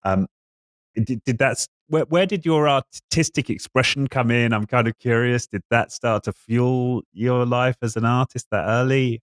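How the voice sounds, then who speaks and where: A man's voice: medium pitch, moderate pace, no room sound, studio quality. A man hosting a podcast interview, asking his questions hesitantly and stumbling a little. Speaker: podcast host. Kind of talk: conversational interview.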